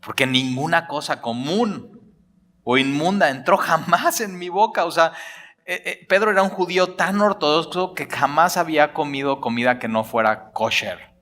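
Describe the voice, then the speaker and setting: A man preaching a sermon as pastor, retelling a story with lively acted-out dialogue and jokes. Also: on the high side, normal speed.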